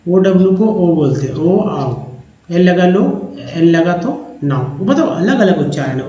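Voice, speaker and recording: A man teaching English reading, going through a slide part by part, slowly repeating each sound and word and calling his viewers friends. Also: high-pitched, dark tone. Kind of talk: slide-based phonics lesson. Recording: echoey dull-sounding room recording.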